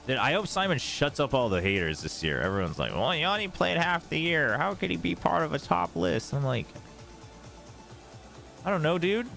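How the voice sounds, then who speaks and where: He's an esports watch party host and analyst from the United States, and his East Coast voice sits on the high side, very animated at a moderate pace. There's vocal fry, a pushed, bright quality, and soft music behind his informal livestream chat and commentary.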